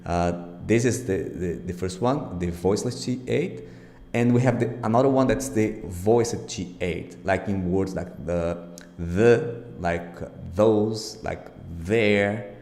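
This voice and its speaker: A man's voice: lowish voice, takes it slowly, darkish tone. A man, a non-native English speaker, teaching pronunciation informally and reassuringly, with exaggerated, emphatic articulation of sounds. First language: not English. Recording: echoey, reverberant room.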